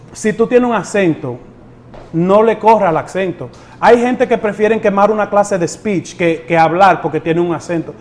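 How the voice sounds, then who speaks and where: A man with a Dominican accent, born in the United States, talking easily in an interview and often repeating words. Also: sits high. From born in the United States to Dominican parents. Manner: easygoing, repeats words, mixes in English phrases. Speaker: guest. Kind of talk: casual interview talk.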